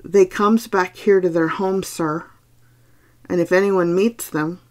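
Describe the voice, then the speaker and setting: A woman voicing an old peasant housekeeper woman who is placid and superstitious, speaking slowly in a hushed rural dialect. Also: on the low side, steady tone, lightly acted. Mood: hushed ominous.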